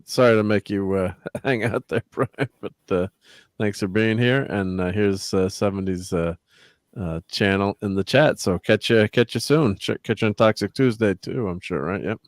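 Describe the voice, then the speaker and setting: A man hosting a casual live-stream chat in a relaxed, filler-heavy way. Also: lowish voice, moderate pace, no echo, studio quality. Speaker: host.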